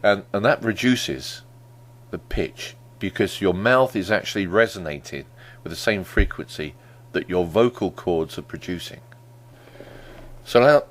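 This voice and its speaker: A man explaining voice impression technique in a calm, conversational tutorial. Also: deep voice. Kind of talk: instructional tutorial.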